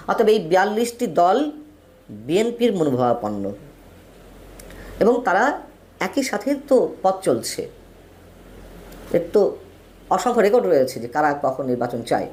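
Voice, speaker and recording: A man hosting a solo political talk show, emphatic, his pitch swinging widely from phrase to phrase. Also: darkish tone. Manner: lists names in quick runs. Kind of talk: solo political commentary to camera.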